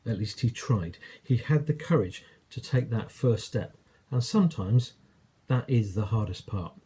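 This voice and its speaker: A man's voice: medium pitch, animated, a little slow, warm tone, slightly rough. A man with an English accent preaching a sermon, telling a story in a conversational way and acting out quoted lines.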